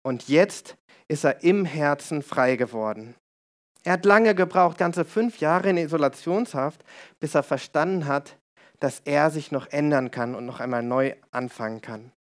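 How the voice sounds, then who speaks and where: A man's voice: on the high side, a little slow. A man telling a conversion story in a sermon, conversational and explaining, with asides to his listeners.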